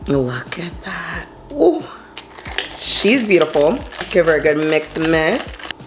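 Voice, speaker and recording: With a noisy background, soft music and an echoey kitchen, a young lifestyle vlogger chats bubbly and casually to camera, calling viewers babes and honey. Her low voice swings widely in pitch and moves slowly.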